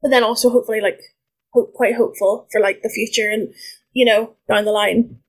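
A woman's voice: a little high, fairly even intonation, a little fast, breathy edge, poor audio. A young Irish woman chatting on a podcast, hesitant and full of fillers. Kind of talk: casual chat.

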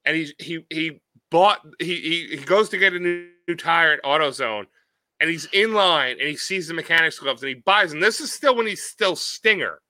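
A man's voice: fairly high pitch, moderate pace, sharp tone, no room sound. A man co-hosting a casual comedic chat, riffing and acting out silly voices in his stories.

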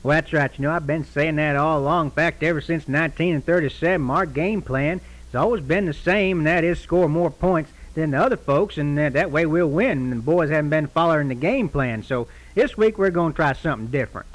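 An actor playing a rambling, folksy older football coach who drawls in loose grammar in a radio comedy sketch. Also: male voice, on the high side, brisk, few pauses, lightly acted, low-quality recording. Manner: drawling, ungrammatical, meandering.

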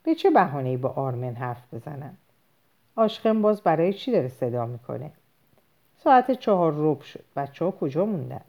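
Low-voiced woman narrating a novel. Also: lo-fi sound. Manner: expressive first-person storytelling. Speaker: audiobook narrator.

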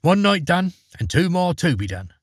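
A man's voice: high-pitched, big pitch swings, normal speed, slightly rough, dry recording, studio quality, pitched above the performer's own voice, heavily acted. A man voicing a fearless, cheerful young peasant boy in a storybook reading, plain and unbothered. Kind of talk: storybook character voice.

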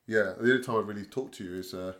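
Low-voiced man rambling as podcast host. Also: rapid-fire, a bit bright. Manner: rambling, hesitant with many fillers and restarts. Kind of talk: casual chat.

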